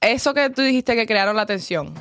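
A woman's voice: a little high, lively intonation, fairly quick, a bit bright, no echo, studio quality. A woman co-hosting a casual podcast chat, skeptical and questioning, pressing the others to explain.

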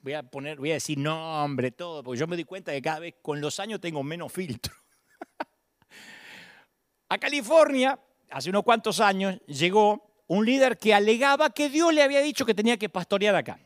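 A man's voice: high voice, moderate pace, no echo, clean studio sound. A man with an Argentine Spanish accent, a pastor telling a humorous, wry anecdote as a sermon. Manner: animated, wry, humorous storyteller.

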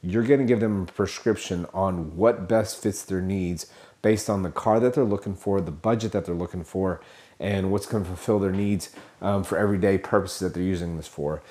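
A man's voice: sits low, moderate pace, dark tone. A man hosting a podcast alone, giving car sales advice in a rambling, filler-heavy way, often correcting himself and calling his listeners guys. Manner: motivational, addresses listeners as guys. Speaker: podcast host. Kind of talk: casual podcast monologue.

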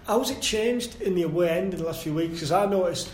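A man hosting a casual football podcast, relaxed and conversational, leading the questions. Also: high-pitched, fast, a little hiss or hum. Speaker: podcast host. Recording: echoey room with faint ambience.

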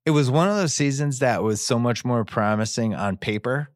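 A man talks through sports memories in a loose, animated podcast chat. His voice sits in an ordinary middle pitch. Wry asides break up the stories. The sound is close and dry, as in a small studio. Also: normal speed, dry recording. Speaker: podcast host.

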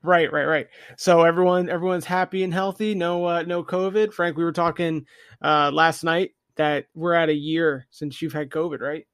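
A man's voice: on the high side, steady tone, normal speed, a bit bright, smooth, no room sound, clean studio sound. A man hosting a podcast in a casual, chatty style. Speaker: podcast host.

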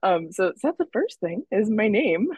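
A woman's voice: mid-range voice, very animated, normal speed, darkish tone, breathy edge, dry recording. A woman from Russia, a therapist guest, chatting casually and laughing often. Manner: chatty, laughs often, lots of fillers and restarts. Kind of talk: casual interview.

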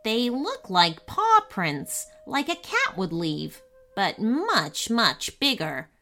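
A chatty, cheeky magical cat, voiced by a woman reading a story, speaking a touch higher than the narrator. She is slow and matter-of-fact, with faint music underneath. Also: big pitch swings, bright, forceful tone, exaggerated voice. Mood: wry.

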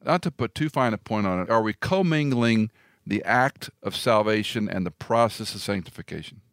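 A radio talk show host leads a conversational theology discussion, speaking emphatically and building his points through rhetorical repetition. His lowish voice is expressive and moves at a normal speed. The recording is dry and of studio quality.

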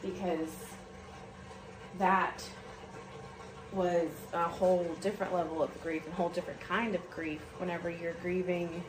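Slow-talking woman, echoey room, over washing machine. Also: fairly low pitch, level tone, distant mic. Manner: candid, reflective, halting with long pauses. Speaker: podcast host. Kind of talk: casual personal monologue. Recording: roomy echo, off-mic, washing machine running.

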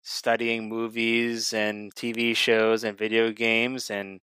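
A man co-hosting a casual movie chat, laid-back and wry with deadpan asides. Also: fairly low pitch, slow, clear, resonant tone, no echo. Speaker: podcast co-host.

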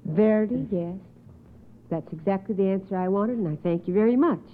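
At medium pitch and normal speed, a woman runs an old radio quiz show in a courteous, schoolteacherly way. Her enunciation is precise and she affirms contestants, and the recording sounds muffled and phone-like.

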